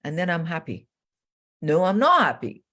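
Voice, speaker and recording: This woman from Iran, in her sixties, has a lower-pitched voice that's very animated, bright and forceful, delivered at a moderate pace. As a transformation coach and guest, she tells personal stories emphatically and declaratively, repeating key phrases.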